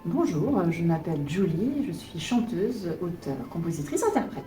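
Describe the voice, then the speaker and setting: Low, mellow-voiced woman in an echoey room. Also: big pitch swings, normal speed, distant mic, faint music behind. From Alsace, France. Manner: earnest, thoughtful, searching for words. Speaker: singer-songwriter. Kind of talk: interview answers. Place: concert venue.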